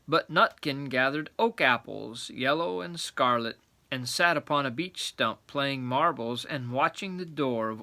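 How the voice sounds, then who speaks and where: Bright-voiced man telling a grandpa story. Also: mid-range voice. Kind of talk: children's storybook narration, read aloud.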